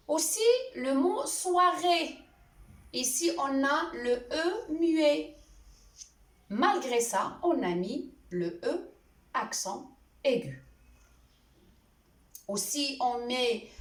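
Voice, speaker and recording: A woman teacher giving a spelling lesson, deliberately spelling out letters and examples one by one. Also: fairly high pitch. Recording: echoey room, voice a little far from the mic.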